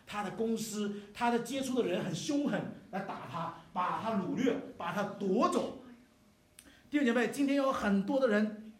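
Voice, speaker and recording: A man's voice: sits high, slight background noise. Older preaching man in an echoey hall. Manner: emphatic preaching with rhetorical questions. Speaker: pastor. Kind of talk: sermon. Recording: echoey hall, mic at a distance.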